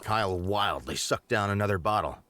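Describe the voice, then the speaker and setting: A man narrating a text-based story game in an even, measured reading. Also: lowish voice, noisy background.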